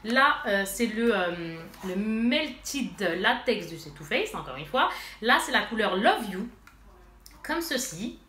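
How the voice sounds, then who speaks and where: A beauty vlogger, stuffy-nosed from allergies, chats casually with her viewers while showing off and swatching makeup in a haul video, speaking to them directly with many fillers. Her medium-pitched voice swings widely in pitch and sounds slow, pushed, and bright. The room is echoey, with faint noise.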